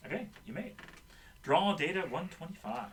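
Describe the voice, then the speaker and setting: Animated man reading game story aloud. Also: high voice, fairly quick, distant mic, slight background noise, poor audio. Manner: animated, laughs at his own slips. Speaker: story reader for a board game.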